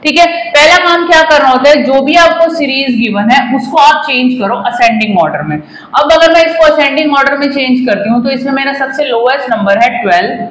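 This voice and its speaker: A woman's voice: high voice, expressive, a little fast, a bit bright. A woman in her forties explaining a maths lesson at a whiteboard, mixing in English phrases and addressing students politely. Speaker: commerce teacher. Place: classroom in front of a whiteboard. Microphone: lapel mic. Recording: echoey classroom.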